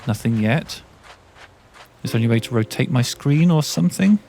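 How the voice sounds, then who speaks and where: A man's voice: mid-range voice, lively intonation, normal speed, dark tone, slight background noise. A man casually commentating a game as he plays, chatting and reading all the on-screen lines aloud himself. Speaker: gameplay commentator. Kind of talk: casual let's-play commentary.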